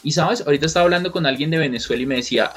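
A man's voice: on the high side, racing, faint music behind. A man giving a motivational talk to camera, emphatic and repetitive, firing rhetorical questions at the listener. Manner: acts out quoted people. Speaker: motivational coach.

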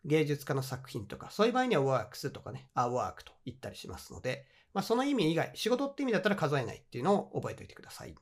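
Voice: mid-range voice, big pitch swings, racing, hardly any pauses. An English teacher with a Japanese accent, explaining grammar points in a friendly, encouraging way.

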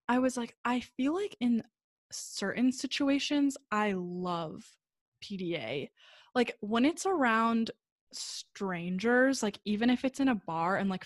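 A woman's voice: mid-range voice, dry recording. Chatty young woman, dry close sound. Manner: chatty, says "like" constantly, swears casually, laughs often. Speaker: podcast co-host. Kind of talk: casual chat.

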